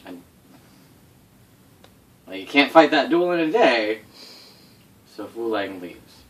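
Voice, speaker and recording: A game master recounts the history of a tabletop setting to his players, rambling casually, swearing, and correcting himself. His mid-range voice is sing-song and slow. The mic is distant, with faint background noise.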